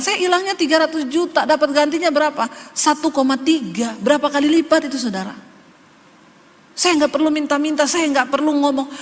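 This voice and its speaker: A woman pastor, preaching emphatically and conversationally to her congregation in a church hall. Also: high voice. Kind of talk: sermon.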